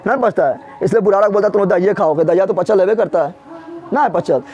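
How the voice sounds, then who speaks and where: A man's voice: high-pitched, fast talker, a little mellow, dull audio. A man teaching a class, drilling students by asking each question and then repeating the answer several times, in plain everyday speech. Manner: colloquial, with regional Bihari turns of phrase. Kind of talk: classroom lecture with call-and-response drilling. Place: classroom with a board.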